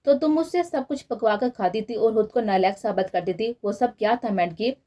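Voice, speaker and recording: A woman's voice: fairly high pitch, a little fast, mellow, natural voice. A woman voicing a teasing, bewildered young husband in a storybook reading, incredulous in tone. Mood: accusing.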